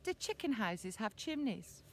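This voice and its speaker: A woman telling a children's story, lively and asking the little ones questions. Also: fairly high pitch, measured pace, slight background noise.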